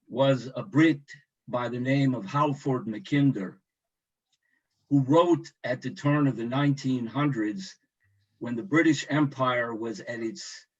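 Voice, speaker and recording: Slow careful guy from the us, lots of uhs, middling pitch, muffled call audio. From United States. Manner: slow, measured, with many hesitations. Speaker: guest commenter. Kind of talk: online discussion remarks. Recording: dull lo-fi sound.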